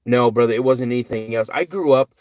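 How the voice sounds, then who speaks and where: Speaking fairly quickly in a darkish mid-range voice, this older man from the United States runs a live podcast. He works through chat questions with earnest, rambling answers and frequent self-corrections, keeping it casual like a live stream. The recording is dry.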